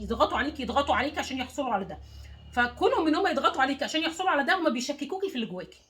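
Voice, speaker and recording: Egyptian woman life coach, motivational talk, high voice, very fast, hammers points through repetition. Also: a bit bright. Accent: Egyptian Arabic. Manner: emphatic, repeats words and phrases for stress.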